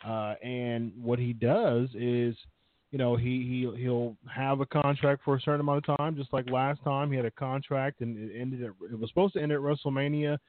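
A man with a mid-range voice and fairly even intonation rambles about wrestling over the phone at a normal speed. He relies heavily on fillers like "uh" and "you know." The thin, dry line has no echo and drops in and out.

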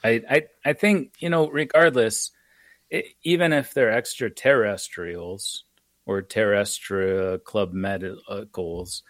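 A man's voice: on the low side, fairly even intonation, slow, dry recording. An American man, an author, talking through ideas in a rambling, thoughtful way on a podcast. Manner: thoughtful, rambling explanations with fillers. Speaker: author and guest. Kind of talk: casual podcast conversation.

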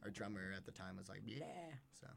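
A man in a band, talking casually and excitably in an interview, often jumping up in pitch and laughing. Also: racing, gravelly, background noise. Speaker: band member.

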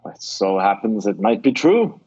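An actor playing a shrewd, blunt middle-aged Scottish theatre owner, with a Scottish accent, in an old-time radio drama. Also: male voice, lowish voice, big pitch swings, a little slow, darkish tone, slightly rough, no echo, exaggerated voice. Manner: blunt, scolding, sly. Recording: dull dry lo-fi radio recording.

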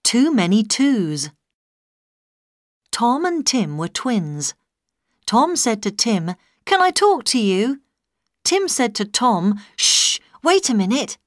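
Slow, sing-song woman reading a rhyme. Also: on the high side, big pitch swings, no room sound, studio quality. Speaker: reader of a practice rhyme. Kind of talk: slow read-aloud of a tongue-twister rhyme.

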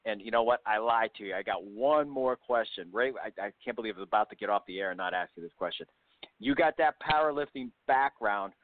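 Fast-talking upbeat male sports host. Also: fairly low pitch. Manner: fast, upbeat, many fillers. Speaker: podcast host. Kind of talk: sports interview. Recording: tinny phone-line audio.

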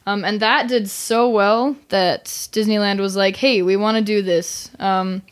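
A woman's voice: mid-range voice, fairly even intonation, unhurried, clear, resonant tone. A woman chatting informally and giggly as a podcast co-host. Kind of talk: casual chat.

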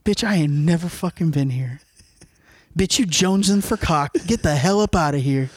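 A man's voice: fairly high pitch, normal speed, breathy edge, no room sound, studio quality. A young man, a podcast co-host, telling a rambling, profane story in casual chat and often laughing.

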